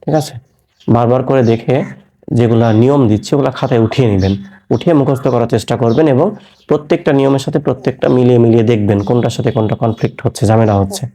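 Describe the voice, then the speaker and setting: A man teaching Quran reading in an online class, patiently spelling out letters and sounds and asking learners quick check questions. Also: mid-range voice, warm tone. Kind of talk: recorded online lesson.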